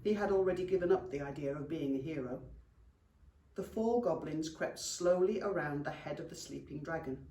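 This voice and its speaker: Like a teacher at storytime, a British woman reads a children's story expressively to young pupils, animated and fond as she addresses them. Her voice is deep and her speed normal. The microphone is distant and the room echoes.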